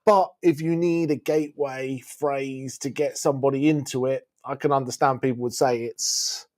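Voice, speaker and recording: A man's voice: medium pitch, fairly even intonation, normal speed, darkish tone. A man presenting wine in casual conversation, opinionated, wry and blunt.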